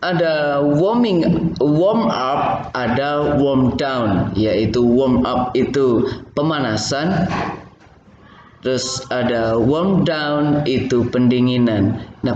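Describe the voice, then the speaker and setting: A man's voice: mid-range voice, darkish tone, slight background noise. A man teaching a theater lesson, explaining patiently and speaking straight to his students. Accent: Indonesian. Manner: slow, explanatory, addresses students directly. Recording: echoey room, slightly dull sound.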